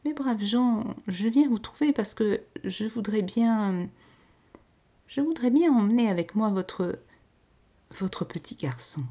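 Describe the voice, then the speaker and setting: A woman voicing a tearful, spoiled young wealthy wife who pleads in a trembling, halting voice. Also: mid-range voice, lively intonation, warm tone, voice pushed up. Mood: pleading.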